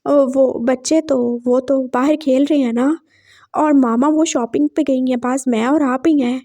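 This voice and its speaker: A woman's voice: sits high, fairly even intonation, a little slow, dark tone. A woman voicing a young man who swears revenge while playing sweet, in a fan fiction story read aloud. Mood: sweet, eager. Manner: bitter, threatening inner monologue. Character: young man, vengeful, sweet to his face.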